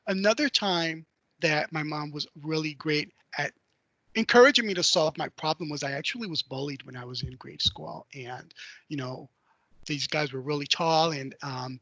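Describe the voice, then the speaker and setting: Man, prepared speech, expressive storytelling, higher bright voice, dry close sound. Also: normal speed, no echo, muffled recording. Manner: expressive storytelling, swinging from loud to hushed. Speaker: club speaker.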